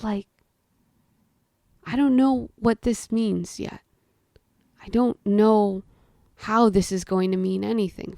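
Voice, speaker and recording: A woman's voice: mid-range voice, vocal fry, a little mellow, no room sound, clean studio sound. A young adult woman telling a personal story in a conversational way, often saying "I mean" and "like". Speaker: guest storyteller. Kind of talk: personal storytelling in present tense.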